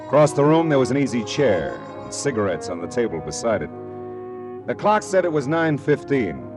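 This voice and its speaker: Over music, a man with a mid-range voice and huge pitch swings plays a wry, world-weary American private eye from a 1940s radio drama. He narrates in the first person at a moderate, leisurely pace, using terse, punchy phrases.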